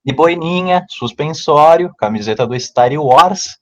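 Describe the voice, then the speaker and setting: A man, telling a story in casual podcast chat and acting out quotes in a loud, high voice. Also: lively intonation, measured pace, muffled recording. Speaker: podcast co-host.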